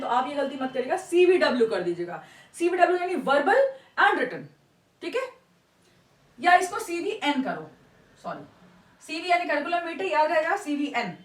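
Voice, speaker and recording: Woman teacher going step by step with a high voice, sounds roomy and kinda far from the mic. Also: sing-song, normal speed, long pauses. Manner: explains step by step, checks in with "theek hai". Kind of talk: Hindi lecture with English terms. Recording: echoey room, voice from off-mic.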